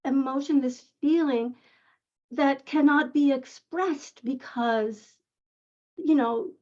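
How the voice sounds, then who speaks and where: A woman's voice: high-pitched, slow pace, dark tone, highs cut off. A woman in her fifties from Israel, an audience member asking an earnest, rambling question over a video call.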